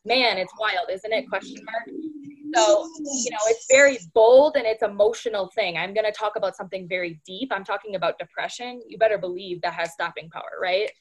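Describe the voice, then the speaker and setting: A woman with a mid-range voice talks a little fast as she gives her sales team a casual motivational talk. She's chatty, full of "like" and "you know," and keeps calling her listeners "you guys."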